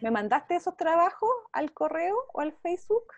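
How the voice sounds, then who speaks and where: Lively high-voiced Chilean woman teacher. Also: normal speed, no room sound. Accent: Chilean Spanish. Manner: encouraging, checks in often with "¿ya?". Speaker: visual arts teacher. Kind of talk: online class to young pupils. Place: home, over a video call. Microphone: video call.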